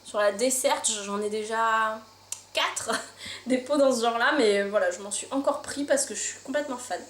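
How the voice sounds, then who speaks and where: Showing off her shopping haul, a woman speaks at normal speed in a fairly high, fairly bright voice, gushing about what she bought with plenty of fillers. The home room sounds roomy, and with the windows open, faint insect noise drifts in.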